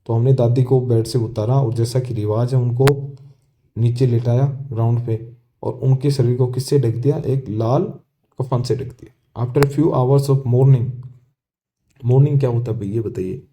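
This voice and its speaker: A man's voice: mid-range voice, steady tone, dark tone. A male teacher explaining an English story line by line, asking questions and answering them himself and repeating key words. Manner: reads English text lines slowly and deliberately.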